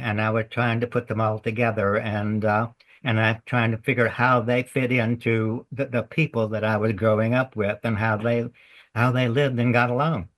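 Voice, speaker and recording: A man's voice: medium pitch, a bit bright. A man with a Southern US accent, a playwright chatting in an interview, rambling in a folksy way as he tells stories. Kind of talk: casual interview chat.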